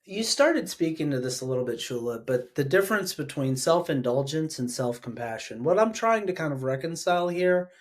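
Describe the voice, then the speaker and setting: A man hosting a podcast interview, talking in a casual, animated, chatty way. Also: a little high, fairly quick, hardly any pauses. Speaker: podcast host.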